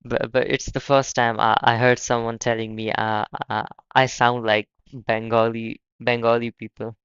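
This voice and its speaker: A young man from Pakistan hosting a casual live stream, talking haltingly and often repeating his words. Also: mid-range voice, level tone, fairly bright tone, smooth, no echo, dull audio. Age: young adult. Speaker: livestream host.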